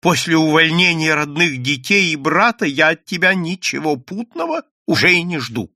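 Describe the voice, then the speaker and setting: A man's voice: fairly high pitch, big pitch swings, normal speed, bright, forceful tone, no room sound, clean studio sound, pitched above the performer's own voice, full character voice. A man doing a sour, reproachful wife. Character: sour complaining middle-aged wife.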